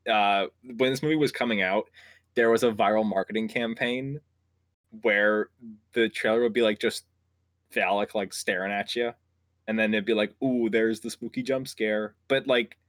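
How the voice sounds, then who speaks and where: A podcast co-host chatting casually, joking sarcastically and laughing often. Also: male voice, on the low side, steady tone, normal speed, a bit bright, no echo, clean studio sound. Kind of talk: casual chat.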